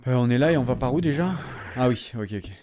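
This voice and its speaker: A man's voice: medium pitch, animated, fast talker, darkish tone. A young man giving casual gameplay commentary, chatting to the characters on screen and swearing in jest. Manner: chatty, talks back to game characters, swears jokingly. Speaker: let's play gamer.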